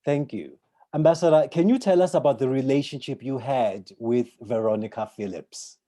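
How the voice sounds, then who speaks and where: A man's voice: medium pitch, normal speed, mellow. A man hosting a memorial event, introducing guests in a formal, courteous way. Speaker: host.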